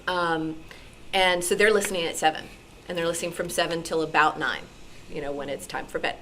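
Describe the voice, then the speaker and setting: In a noisy live meeting room, a woman on a panel talks informally as a radio programmer, explaining her decisions to the audience in a conversational, hedging way. Her voice is low-pitched and fairly bright, a little fast, with fairly even intonation.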